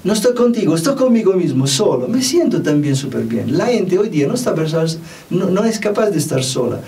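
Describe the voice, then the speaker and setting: A man from Europe, a spiritual teacher, giving an unhurried, conversational talk and putting questions to the listener. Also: high voice, very animated, vocal fry, mellow. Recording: voice distant from the mic.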